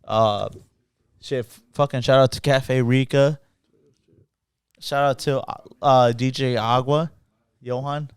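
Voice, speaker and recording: A man's voice: medium pitch, fairly even intonation, slow pace, long pauses, clear, resonant tone, no echo, clean studio sound. A man who is a guest on a podcast, chatting casually in a rambling, slangy way and repeating himself. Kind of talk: casual chat.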